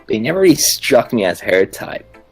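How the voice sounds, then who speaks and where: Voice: mid-range voice, very animated, fairly quick, creaky, music in the background. A player reading aloud the lines of a prickly teenage girl from a visual novel, blunt and teasing. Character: prickly teen girl club member.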